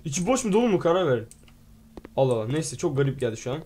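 Man, gaming host, let's play commentary; excitable, slightly higher voice, reads on-screen text aloud. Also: very fast. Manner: excitable, exclaims and playfully swears at the game.

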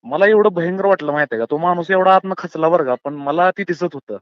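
Over a dull, lo-fi phone call, a man with a rural Maharashtrian accent talks very fast, reasoning earnestly and colloquially with his listener, whom he often calls brother. His fairly high voice sounds close and dry as he philosophises through a casual, opinionated monologue.

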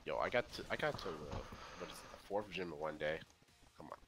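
A man hosting a let's play, chatting casually and excitably with a friend while he plays. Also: rumbling low, fairly quick. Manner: excitable, jokey banter with a friend. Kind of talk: casual gameplay commentary.

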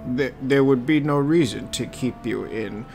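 A player voicing a distressed young princess from a game cutscene in a casual fan voice-over, reading haltingly in a raised put-on pitch. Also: creaky, darkish tone, soft background music. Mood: formal. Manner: reads lines haltingly, high put-on pitch.

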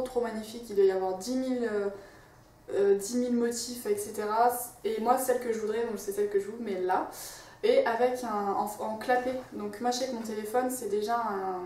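A woman's voice: a little high, dark tone. A young woman vlogging about her wishlist in a casual, chatty way, with lots of fillers and restarts. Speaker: beauty vlogger. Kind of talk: casual chat to camera. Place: home office and living room. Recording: echoey room, mic a bit far, faint hiss.

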